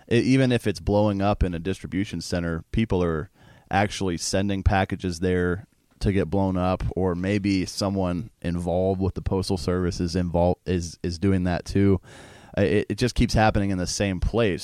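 A man's voice: sits low, a little mellow, no echo, studio quality. A man co-hosting a talk show, thinking aloud about a news story in a casual, reflective way. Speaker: co-host.

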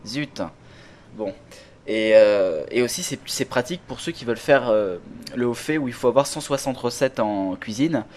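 A man's voice: medium pitch, animated, normal speed, a little mellow. Guy hosting a gaming podcast, medium voice, rambly and chatty with lots of ums, bit of faint noise behind. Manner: chatty, many fillers and self-corrections. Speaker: podcast host. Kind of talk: casual gaming podcast chat.

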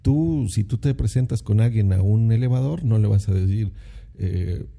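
Male podcaster, chatty explainer, husky and gravelly, very dark tone, condenser mic at home. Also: lowish voice, moderate pace. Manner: chatty, explanatory, frequent filler "eh" and "¿no?". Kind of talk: casual solo podcast talk. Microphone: condenser microphone.

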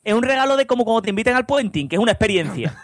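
A man's voice: extremely high pitch, expressive, very fast, no echo. A man with an Andalusian accent, telling rambling stories in a casual chat and tagging his sentences with questions. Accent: Andalusian Spanish. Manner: rambling, keeps adding "¿no?". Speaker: podcast co-host.

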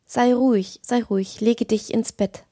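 A woman reading the part of a gentle mother soothing her child. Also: on the high side, steady tone, measured pace, no room sound, clean studio sound.

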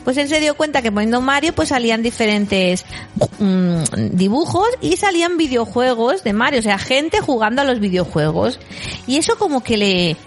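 A woman's voice: fairly high pitch, sing-song, moderate pace, soft background music. A woman in her thirties co-hosting a podcast, talking casually and emphatically as a mother. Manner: emphatic, repeats words. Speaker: podcast co-host. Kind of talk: casual chat.

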